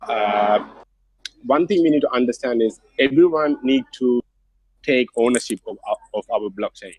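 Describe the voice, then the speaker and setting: A man's voice: medium pitch, moderate pace, no echo, low-quality recording. A man guest in a casual online interview, talking earnestly and encouragingly in simple phrasing over a call.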